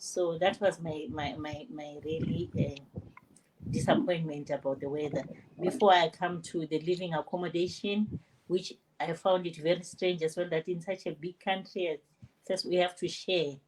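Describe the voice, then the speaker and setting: An older woman from South Africa, a nurse and grandmother, telling her story with lively animation on an online panel. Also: fairly low pitch, moderate pace, slight background noise, rough recording. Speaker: panel guest.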